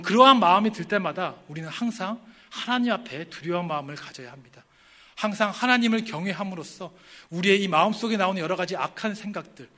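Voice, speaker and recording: A man preaching a sermon as pastor, asking the congregation rhetorical questions, building to emphatic peaks and then dropping low, slowing down to spell out lists of virtues. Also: sharp tone.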